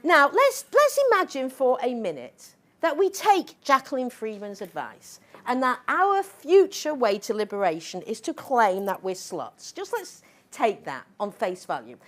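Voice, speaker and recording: A middle-aged sociology professor gives an impassioned lecture to an audience, her fairly high voice rising and falling sharply as she argues. Sarcastic and combative, she keeps checking in with "okay?" and "right?", sounding like a seasoned speaker driving her case home. She's very animated and unhurried, with hardly any pauses.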